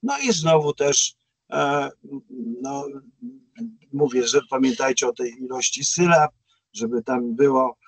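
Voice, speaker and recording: Husky, hesitant male school principal. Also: medium pitch, lively intonation, takes it slowly, long pauses, dry recording. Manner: hesitant, full of fillers and restarts. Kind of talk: anecdotal webinar talk.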